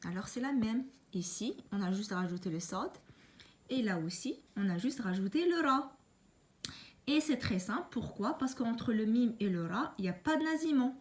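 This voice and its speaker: A woman teaching a Quran reading lesson, patiently explaining and repeating letters slowly for learners, and chanting the letters louder. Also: a little high, expressive.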